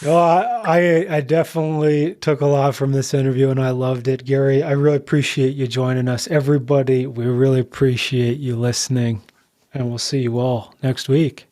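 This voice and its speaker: A man co-hosting a podcast, talking in an earnest, slow and deliberate way. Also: medium pitch, fairly even intonation, warm tone. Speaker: podcast co-host. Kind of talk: reflective podcast talk.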